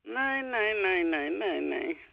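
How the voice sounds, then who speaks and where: A woman's voice: mid-range voice, big pitch swings, slow, vocal fry, over a noisy crowd. An older woman, chatting casually as a radio caller in a folksy, teasing way over the phone. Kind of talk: casual chat. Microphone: telephone. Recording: dull lo-fi phone line.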